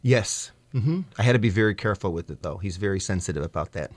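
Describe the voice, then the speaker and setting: A middle-aged man from the United States, appearing as a guest in a radio studio, chats in a casual interview. His voice is low-pitched and expressive, his pace quick, and the recording dry. He comes across as hesitant and good-humored, with many fillers.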